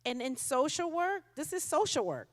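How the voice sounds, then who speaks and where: A woman's voice: high-pitched, very animated, normal speed. Woman in her fifties in a reverberant hall. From Connecticut, USA. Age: 50s. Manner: conversational with frequent ums and light laughs. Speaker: keynote speaker, child welfare commissioner. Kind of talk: personal speech at a conference. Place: large conference hall with audience.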